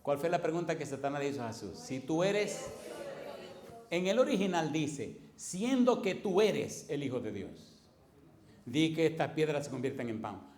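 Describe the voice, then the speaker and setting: A man's voice: on the high side, normal speed, reverberant. A man, a pastor teaching a class for preachers, telling stories with acted dialogue and firing rhetorical questions at his listeners. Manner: animated storytelling, acts out dialogue.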